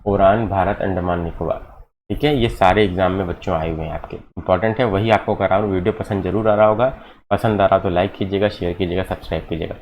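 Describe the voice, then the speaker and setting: A man's voice: lowish voice, darkish tone. A male coaching teacher giving an exam-prep geography lecture, reciting lists and often saying "okay" and addressing the students as kids. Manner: rapid list recitation with repeated "ठीक है" and "बच्चों". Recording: dull lo-fi audio with faint noise.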